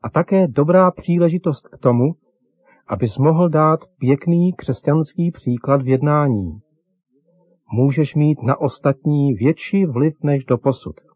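A gentle, kindly father in a children's radio story speaks to his boys in a soft, instructive tone, as a man narrator puts him on. His voice is slightly husky, and the recording is dull and dry. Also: a little high, no echo, voice pushed up, natural voice. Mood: proud.

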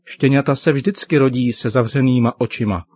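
A man voicing a kind father in a children's story, explaining things gently. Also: medium pitch, husky, no echo, lightly acted.

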